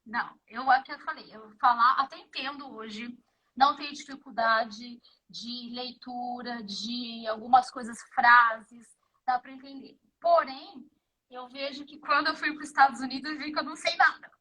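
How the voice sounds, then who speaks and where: A woman's voice: a little high, steady tone, normal speed, pushed and bright, poor audio. A Brazilian woman in her fifties with a Brazilian Portuguese accent, a guest in a casual interview, who tells stories vividly and acts out the dialogue. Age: 50s.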